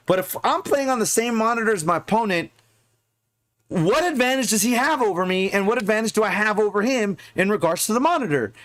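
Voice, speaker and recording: A man in his forties hosts a live podcast in a loose, profane rant, hammering his points and tacking "right?" onto his sentences. His voice sits a little high for a man. The sound is close and dry, with no room echo. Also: fairly bright tone. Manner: profane, emphatic, keeps tagging "right?". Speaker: podcast host.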